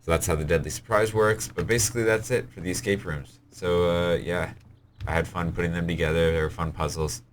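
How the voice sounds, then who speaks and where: A man giving a hurried, rambling walkthrough of puzzles he built in a game, as the server admin. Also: low voice, fairly even intonation, slight background noise.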